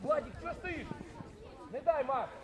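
High-voiced man coaching from the touchline. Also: unhurried. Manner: shouts short commands to players. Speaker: youth football coach. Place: outdoor football pitch. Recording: noisy crowd at an outdoor pitch. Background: crowd of parents and players.

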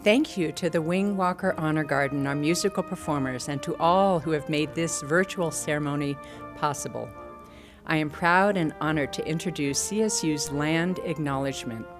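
A provost, a woman, giving a measured, formal commencement address from a stage. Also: low-pitched, over music. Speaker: university provost. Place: stage with curtains, indoors.

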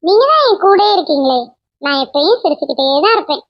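A woman voicing a young cartoon wife who talks softly and apologetically to her husband. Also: very high voice, animated, quick pace, dry recording, dull audio. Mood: apologetic. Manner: soft, apologetic.

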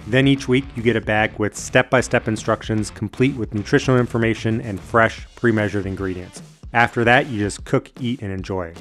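A man's voice: fairly low pitch, fairly quick, a bit bright. Male host in his 30s, scripted presenter read, music underneath. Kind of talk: scripted sponsor read and narration to camera.

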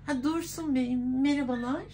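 Man doing a high-pitched coy woman's voice. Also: fairly even intonation, moderate pace, dark tone, a little hiss or hum. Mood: coy, tipsy. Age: 20s. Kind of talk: prank phone call. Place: clothing shop, indoors.

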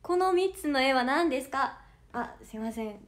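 A woman's voice: sits high, animated, normal speed, fairly bright tone. A 21-year-old woman with a Kansai Japanese accent, chatting casually on a livestream as an idol audition candidate, reading viewer comments aloud and giggling often. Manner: bubbly and giggly, with frequent laughter.

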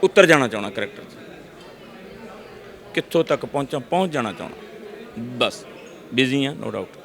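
A middle-aged man, telling lively stories in an interview and acting out voices. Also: medium pitch, normal speed, gravelly. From Punjab, India. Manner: lively storyteller, acts out voices, frequent restarts. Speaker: actor interviewee. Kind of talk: animated casual interview talk.

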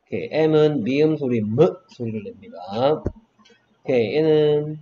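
A man with an animated, mid-range voice and a measured pace teaches English phonics one-on-one online, carefully modeling sounds and cheering his student on. The recording is dull and lo-fi, with faint background noise.

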